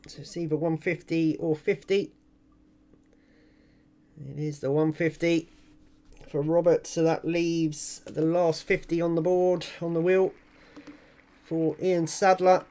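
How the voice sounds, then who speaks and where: Higher-pitched man announcing giveaway winners casually. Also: flat delivery, slow, long pauses, warm tone. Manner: chatty, informal, talks directly to winners and viewers by first name. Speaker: online giveaway host and video channel owner. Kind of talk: casual giveaway announcement, live commentary on a prize draw.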